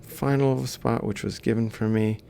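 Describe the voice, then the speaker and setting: Steady in tone and speaking at a normal speed, this man has a creaky, mellow voice. As a robotics lecturer, he casually explains a worked example while drawing, reasoning through each step aloud and amending his own errors. The recording has faint background noise with a low rumble.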